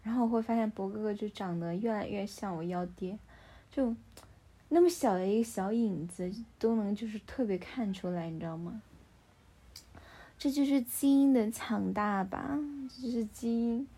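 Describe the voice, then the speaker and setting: Chatty woman with a gravelly, warm voice. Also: medium pitch. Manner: chatty, often asks the listener "you know?". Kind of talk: casual storytelling chat.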